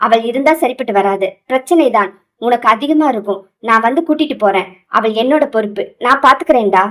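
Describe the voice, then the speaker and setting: A woman's voice: on the high side, lively intonation, a little fast, fairly bright tone. A woman voicing an angry young man who scolds bluntly, in an audio novel. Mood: stern, scolding.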